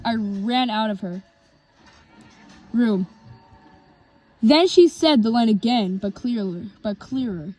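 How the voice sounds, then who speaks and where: A woman reading her own homemade story aloud, in a halting way with restarts. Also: fairly high pitch, a little mellow, faint music behind.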